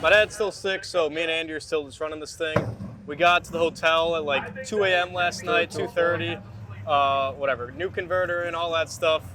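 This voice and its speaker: A man's voice: a little high, steady tone, fairly quick, crowd noise. A man on a race team chats casually outdoors at a race event, speaking in a tired, matter-of-fact way. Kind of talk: casual on-camera chat. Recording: noisy outdoor recording.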